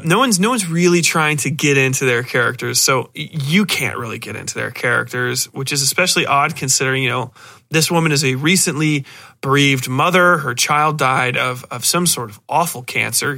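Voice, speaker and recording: A podcast host gives a casual, rambling review, sounding sardonic and exasperated as he mockingly acts out lines. His voice is medium in pitch, creaky, pushed and bright, at a normal speed.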